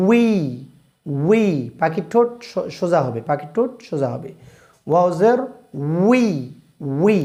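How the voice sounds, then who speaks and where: A man teaching Quran recitation, chanting verses slowly and drawn out, then explaining the pronunciation in plain speech with a Bangladeshi Bengali accent. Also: sits high, mellow. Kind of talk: slow drilled recitation lesson.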